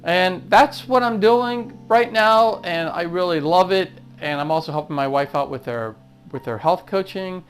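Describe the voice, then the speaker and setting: A man's voice: high voice, normal speed, faint music behind. A man vlogging casually to the camera in front of a green screen, in an easygoing, rambling way.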